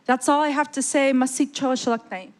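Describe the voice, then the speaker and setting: A woman's voice: high voice, steady tone, a little fast, slight background noise. A woman speaking from the heart at a shareholder meeting, emotional and near tears, pleading with her listeners. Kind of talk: emotional public comment speech. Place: hotel meeting hall.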